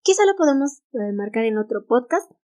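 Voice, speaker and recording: Slightly high and sing-song, this woman's voice moves fairly quickly with a darkish tone. She's a Mexican Spanish-accented co-host on a casual history podcast who reads her notes out loud, gets tangled in English titles, and laughs freely.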